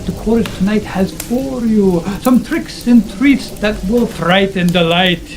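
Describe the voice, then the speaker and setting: A man playing a campy vampire Count who hosts a spooky show, with a drawn-out, hammy, theatrical delivery. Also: sits high, slight background noise. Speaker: show host in costume.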